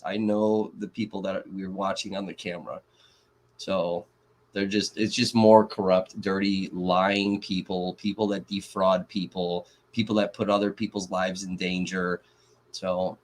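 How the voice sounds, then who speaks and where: A man from Kenosha, Wisconsin, hosting a live trial commentary stream and ranting in a profane, sarcastic way. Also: deep voice. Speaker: livestream host.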